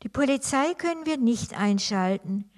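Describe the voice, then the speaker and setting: A woman's voice: high-pitched, expressive, moderate pace, pitched above the performer's own voice. A woman reading aloud, voicing an uneasy male prior who advises caution.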